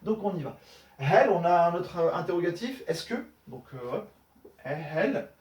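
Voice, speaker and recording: A man's voice: high-pitched, big pitch swings, moderate pace, darkish tone, recorded from a distance. A man teaching Arabic grammar in French, correcting exercises step by step, with many fillers and frequent checks for understanding. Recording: echoey room, voice somewhat off-mic.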